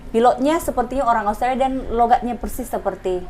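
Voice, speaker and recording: A woman's voice: a little high, fast, slight background noise. A woman hosting a podcast, asking her guest questions and affirming his answers often in casual chat. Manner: warm back-channeling interviewer, frequent affirmations. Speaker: podcast host.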